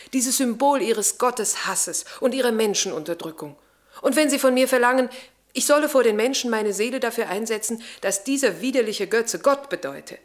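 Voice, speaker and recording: A woman's voice: mid-range voice, close to an everyday voice. Earnest, devout Lavinia, played by a woman. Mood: fervent defiance. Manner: earnest, expressive, swelling from hushed to fervent. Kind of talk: German radio play acting.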